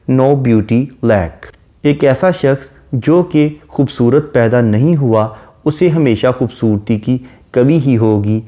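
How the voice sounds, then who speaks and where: A man with a dark, mellow voice delivers a classroom lecture on poetry. He reads English verse slowly and deliberately, then explains each line in a calm, steady teaching tone. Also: medium pitch. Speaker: literature lecturer.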